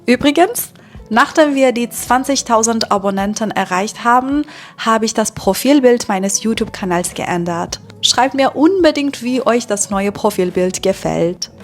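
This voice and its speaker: A woman from Iran talks through her day as a German teacher making a vlog for learners. She speaks very slowly and deliberately, with a fairly high voice. Soft music plays faintly beneath her. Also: animated. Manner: slow and deliberate, with filler sounds. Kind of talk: slow, clear vlog narration for learners.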